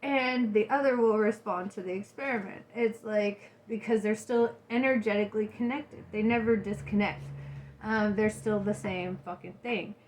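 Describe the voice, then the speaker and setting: A woman's voice: mid-range voice, fairly even intonation, moderate pace, a little mellow, slight background noise, poor audio. A stoned woman giving a loose, rambling, giggly casual rant, slangy and salty-tongued, as a vlogger. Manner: giggly, laughs often while talking; salty, slangy, swears freely.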